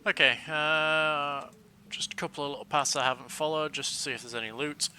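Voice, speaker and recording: A man's voice: a little high, little pitch movement, a little fast, sharp tone, a little hiss or hum. A man streaming a video game, chatting casually and playfully, coining silly words as he plays. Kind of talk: casual gameplay commentary.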